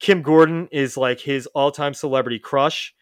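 This man hosts a relaxed music podcast at a moderate pace, his mid-range voice steady and clean. He wanders in his talk, keeps restarting and fixes himself mid-sentence, all captured in a dry, studio-quality recording.

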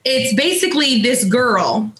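A young adult woman co-hosting a podcast in casual chat, with a playful and animated manner. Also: fairly high pitch, measured pace, slight background noise. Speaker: podcast co-host.

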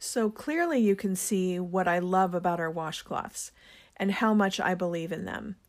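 A woman who runs a small business, talking in a slow, gentle, earnest way about sharing her products. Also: lowish voice. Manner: introverted. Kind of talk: reflective personal talk.

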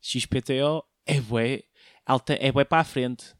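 A man's voice: medium pitch, fairly even intonation, unhurried, clear, resonant tone, dry recording, studio quality. A young man giving a slangy, jokey monologue, often putting questions to his listeners. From Portugal. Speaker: solo show host, comedian. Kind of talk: casual comedic monologue, slangy chat.

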